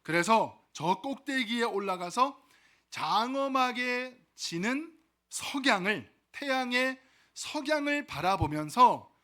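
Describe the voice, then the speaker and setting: A middle-aged male pastor tells a sermon story with dramatic energy. His voice is high and lively, rising and falling widely as he builds the scene. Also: slow pace.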